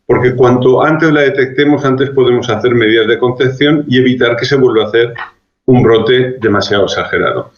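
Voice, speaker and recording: Man explaining calmly in a roomy, dull recording. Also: medium pitch. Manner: measured, reasoned, with frequent restarts. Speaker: public health expert interviewed as guest. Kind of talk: explanatory interview answers.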